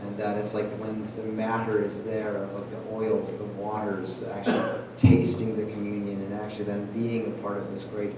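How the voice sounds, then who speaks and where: In a noisy, echoey church hall recorded from a distant mic, a man who is a priest gives his parish a casual talk and a Q&A. He is animated and leans heavily on fillers like "like" and "I mean," speaking in a lowish voice at a normal pace with few pauses.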